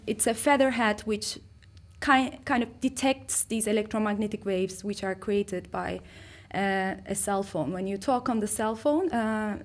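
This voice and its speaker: A woman presents her artistic research at a conference. Her pitch sits in the middle range. She talks hesitantly, filling pauses with ums and restarting her sentences. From Turkey. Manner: hesitant, many fillers and restarts. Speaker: artist and researcher giving a talk. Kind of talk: conference talk.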